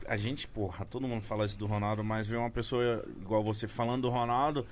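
A man hosting a podcast, asking questions in a relaxed way. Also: lowish voice, fast. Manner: relaxed interviewer, brief reactions. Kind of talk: casual chat. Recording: faint background noise.

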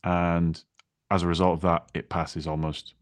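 A man's voice: sits low, level tone, normal speed, no room sound. A man co-hosting a podcast, talking through his own experience in a reflective, casual way with frequent restarts. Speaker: podcast co-host.

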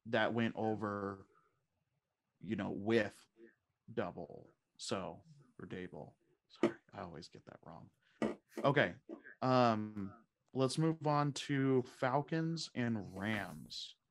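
A man's voice: on the low side, slow, creaky, long pauses. A man co-hosting a fantasy football podcast in casual chat, thinking aloud and often restarting his sentences.

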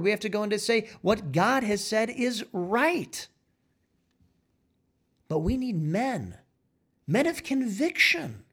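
Fiery preacher man, higher-pitched voice. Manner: forceful, repetitive exhortation with rising emphatic peaks. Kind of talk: fiery sermon.

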